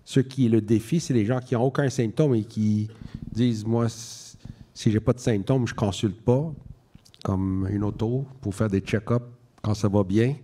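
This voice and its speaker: Low, mellow male doctor. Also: steady tone, measured pace. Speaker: medical specialist on a panel. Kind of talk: plain-spoken expert explanation.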